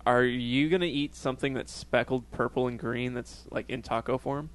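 A man's voice: mid-range voice, steady tone, normal speed, fairly bright tone. A man in casual chat, joking and rambling with frequent laughter, wearing headphones.

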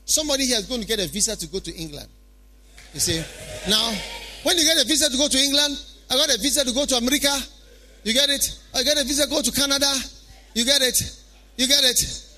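A man's voice: extremely high pitch, fast talker, pauses often, sharp tone, soft background music. A man with a Ghanaian accent preaching a sermon in an emphatic, repetitive way, full of rhetorical questions.

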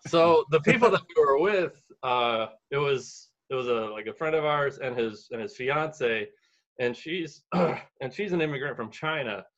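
A man's voice: medium pitch, animated, unhurried, fairly bright tone. A man telling a story in casual chat with friends. He swears freely and laughs as he talks. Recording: dull lo-fi sound.

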